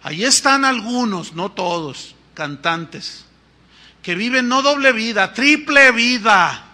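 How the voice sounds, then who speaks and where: Male pastor, emphatic exhorting sermon delivery, high and sharp-edged. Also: lively intonation, slow. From Mexico. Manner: emphatic exhorting preacher, rhetorical questions.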